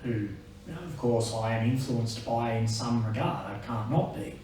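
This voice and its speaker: A man's voice: mid-range voice, normal speed, darkish tone. A man interviewing conversationally, putting tentative, carefully worded questions. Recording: very echoey, distant, faint noise.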